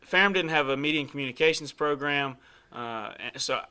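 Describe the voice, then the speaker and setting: A young man hosting a casual interview, easygoing and halting, with frequent fillers and restarts. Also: a little high, pushed and bright, smooth. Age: young adult. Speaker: host.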